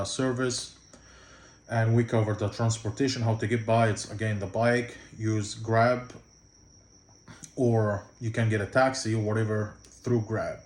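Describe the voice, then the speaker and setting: A travel vlogger with an Egyptian Arabic accent offers casual travel tips to the camera, rambling loosely with many fillers and restarts. His voice is fairly low and darkish, and the sound is roomy.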